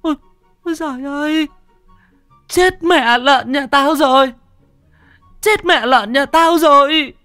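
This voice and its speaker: A man's voice: takes it slowly, long pauses, bright, forceful tone, no echo, soft background music, full character voice. Man doing a shrieking village woman. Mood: wailing grief. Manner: wailing, high-pitched shrieks. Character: shrieking middle-aged village woman, panicked.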